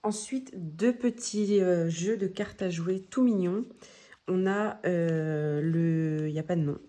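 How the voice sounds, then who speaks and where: A woman casually showing her new card decks, talking in a gentle, hesitant way with many pauses and fillers. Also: fairly low pitch. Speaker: tarot deck vlogger. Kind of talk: casual show-and-tell.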